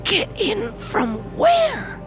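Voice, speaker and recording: A nervous little young man who stammers and sputters in a voice pushed far above his own, swinging wildly up and down. He drags his words out slowly, with faint music underneath. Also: high-pitched, wildly swooping pitch, voice pushed up, heavily acted. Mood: frantic. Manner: stammering, frantic whispering outbursts. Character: jittery, panicky small young man. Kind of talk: audiobook character voice.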